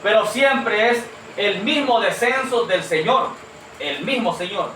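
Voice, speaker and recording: A man's voice: high-pitched, lively intonation, a little slow, sharp tone, a little hiss or hum. A man preaching a sermon to a congregation, earnest and questioning, calling them brother. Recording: echoey room from far off.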